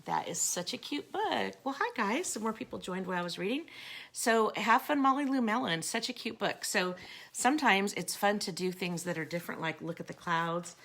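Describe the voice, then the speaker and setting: A woman reading picture books aloud to children, with gentle, chatty asides to her young listeners. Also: medium pitch, lively intonation, normal speed, vocal fry, slight background noise. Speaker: storytime reader.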